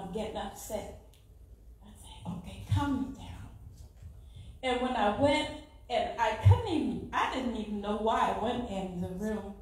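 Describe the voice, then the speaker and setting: A middle-aged woman with a Southern US accent giving a fervent church testimony, rising to loud exclamations. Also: fairly high pitch. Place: large church sanctuary. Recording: echoey church from far off.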